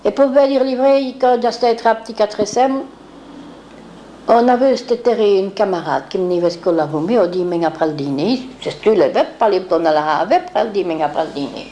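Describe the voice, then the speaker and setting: A woman's voice: mid-range voice, normal speed, dark tone, a little hiss or hum. An older woman, reminiscing in a rambling way and acting out what others said. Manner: rambling, acts out quoted speech. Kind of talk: reminiscing oral history.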